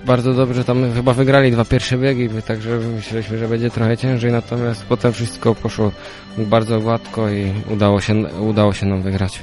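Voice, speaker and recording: Young man, junior rider, flat delivery, modest answers, faint music behind. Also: medium pitch, moderate pace, few pauses. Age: young adult. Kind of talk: post-race interview.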